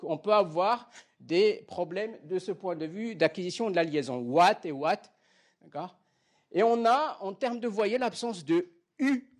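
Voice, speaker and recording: Lively male lecturer with a background. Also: a little high. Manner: checks in often with the class, demonstrates sounds aloud. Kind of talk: classroom lecture on phonology.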